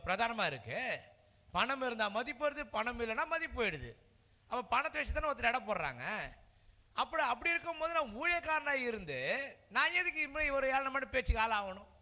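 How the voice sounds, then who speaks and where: A man's voice: very high-pitched, bright, forceful tone, in a large hall. A man preaching a heartfelt sermon, repeating words with emotional, earnest delivery. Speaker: pastor. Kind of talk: sermon testimony.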